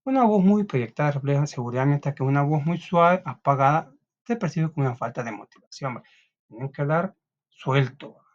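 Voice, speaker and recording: A man's voice: fairly high pitch, lively intonation, brisk. A man with a Salvadoran Spanish accent who teaches a class, reading from a text aloud and often checking in with his students. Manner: reads aloud, with frequent tag questions and restarts. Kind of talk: recorded classroom lesson. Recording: dull lo-fi recording.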